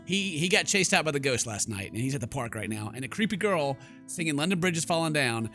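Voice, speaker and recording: With soft music playing underneath, this man talks fast in a higher, sing-song voice that sounds pushed and bright. He's a let's player on YouTube, tossing off playful, sarcastic jokes and exclamations while he plays.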